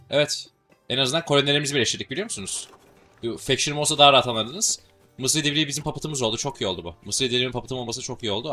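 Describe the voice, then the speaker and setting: A man's voice: mid-range voice, pushed and bright. A man with a Turkish accent giving casual, joking commentary while playing a strategy game, swearing casually as he goes. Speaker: gaming channel host.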